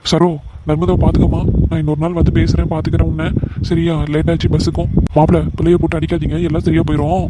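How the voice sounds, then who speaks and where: A man voicing a polite male relative in a cartoon drama, conciliatory and hurried. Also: a little high, flat delivery, heavy background noise, close to an everyday voice.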